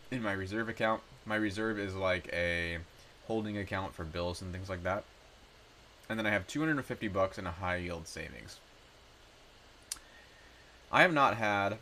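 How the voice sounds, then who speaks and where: A personal finance YouTuber in his twenties does a casual screen-share walkthrough of his numbers, chatty and relaxed, with plenty of ums and small self-corrections. A cold has made his low voice raspy, yet it still comes across bright and forward. Faint hiss runs under the recording.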